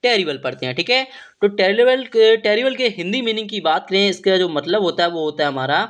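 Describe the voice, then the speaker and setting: A man giving a spoken vocabulary lesson, spelling each English word letter by letter and repeating its meaning in Hindi with a steady "okay". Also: sits high, a little fast. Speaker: English teacher.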